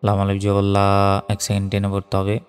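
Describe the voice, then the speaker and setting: A man teaching Quran recitation who spells out each letter and vowel mark, then chants the words slowly. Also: lowish voice, monotone, smooth. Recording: long hall reverb with faint music.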